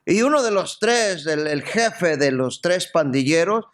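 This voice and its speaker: Man, pastor, sermon, unhurried, lively storytelling and scripture reading. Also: on the high side. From Mexico.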